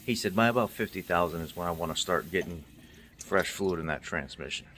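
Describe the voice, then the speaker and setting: A middle-aged mechanic hosting a car maintenance video gives a casual, unscripted recap, repeating his points for emphasis. His voice is deep and fairly bright, a little fast, with a little hiss or hum in the recording.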